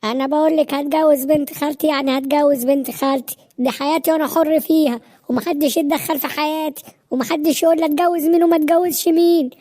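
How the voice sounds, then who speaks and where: A stubborn young cartoon man insists on getting his way, in an Egyptian Arabic accent, as a woman voices him. His voice is very high. He pleads and argues. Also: steady tone, fast talker, mellow, natural voice. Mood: insistent.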